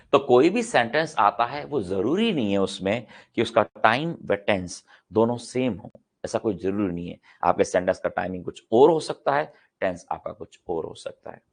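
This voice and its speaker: A middle-aged male grammar teacher with a gravelly edge to his voice. He lectures like he's in a classroom, putting questions to his students and answering them himself. He says his example sentences again and again for practice. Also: lowish voice, expressive, normal speed. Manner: repeats example sentences several times for practice.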